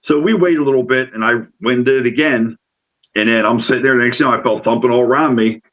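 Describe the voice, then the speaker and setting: A middle-aged man telling a rambling, excitable story as a guest in casual chat, repeating words as he goes. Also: mid-range voice, fast talker, rough recording. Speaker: paranormal investigator guest.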